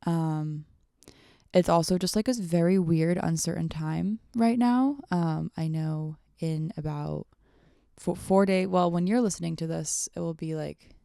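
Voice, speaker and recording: A young adult woman, hungover, chatting casually on her solo podcast in a halting, rambling way that often trails off, with vocal fry. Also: fairly low pitch, mellow, no room sound, clean studio sound. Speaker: podcast host.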